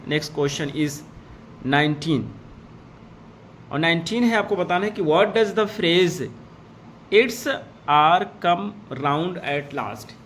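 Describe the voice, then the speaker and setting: Man slowly reading exam questions. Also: on the high side, slight background noise. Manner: reads each question in English slowly, then explains in Hindi. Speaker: teacher. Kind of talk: exam-prep lecture.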